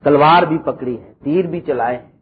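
A middle-aged male preacher giving a dramatic lecture, swinging between emphatic high lines and quiet low ones, reciting verse slowly. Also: slightly rough. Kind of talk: Urdu religious lecture. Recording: tinny phone-like lecture recording.

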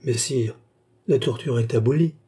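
A man voicing a respectful, earnest police chief with polite, measured speech. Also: mid-range voice, dark tone, husky, lightly acted.

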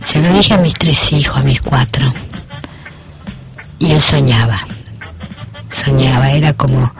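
A middle-aged woman with an Argentine accent, a nervous radio guest telling earnest personal stories and softly trailing off at the ends of thoughts. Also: a bass voice, a little slow, soft background music. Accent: Argentine Spanish. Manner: earnest, acts out remembered dialogue, trails off softly. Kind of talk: emotional personal storytelling. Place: radio studio.

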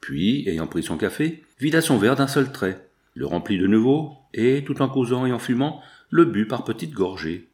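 A man's voice: medium pitch, sing-song, normal speed, hardly any pauses, a little mellow. Man reading a classic novel aloud. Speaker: audiobook narrator. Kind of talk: scripted narration of a 19th-century novel.

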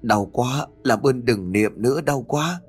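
A man voicing a shrill, female-sounding spirit that has possessed a man and begs in pain. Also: unhurried, husky, soft background music. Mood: pained pleading. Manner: shrill, pleading.

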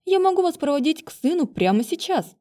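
A woman reading an audiobook, voicing a charming witch who coos and answers brightly. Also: high-pitched, very animated, a little fast, voice pushed up. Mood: cheerful. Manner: cooing, cheerful. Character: charming, cooing professional witch.

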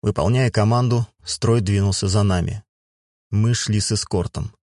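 A man narrating a first-person fantasy audiobook in a measured, even storytelling manner. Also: on the low side, no room sound, studio quality.

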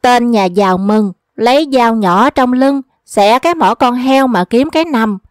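A woman reads humorous folk tales aloud, steady and even. Her voice sits fairly high. The recording is dry and close, with no room sound. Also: unhurried, dry recording. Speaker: storyteller.

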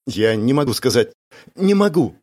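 A man's voice: mid-range voice, very animated, moderate pace, a little mellow. A man doing a tearful, frightened young woman. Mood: pleading. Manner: pleading, breathless swearing.

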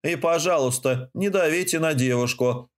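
A man's voice: on the high side, moderate pace, natural voice. A man voicing a pompous older male rear admiral who lectures his subordinates in an audiobook. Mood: lecturing. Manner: lecturing, self-important.

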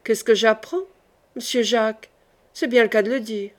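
A woman's voice: on the high side, steady tone, moderate pace, natural voice. Woman reading as a stout, tearful older man. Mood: dismayed.

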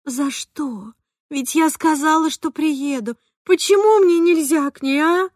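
A woman's voice: high-pitched, unhurried, a little mellow, no echo, clean studio sound, pitched above the performer's own voice. Woman reading as a flustered, teary mother. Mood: tearful. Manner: exclaiming, anxious. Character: flustered mother, emotional and quick to cry. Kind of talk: audiobook character reading.

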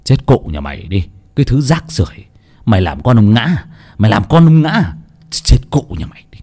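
A man voicing a furious, brutal rich master in his fifties who shouts at his servant. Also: low-pitched, sing-song, a little fast, husky, pitched below the performer's own voice, heavily acted. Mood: raging. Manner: shouting, raging.

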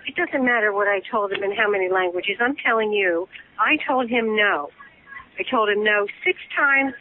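A woman's voice: medium pitch, normal speed. A woman heard over the phone, arguing indignantly and insistently, repeating herself as the target of a prank call. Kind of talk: angry phone argument. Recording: muffled phone line with faint hiss.

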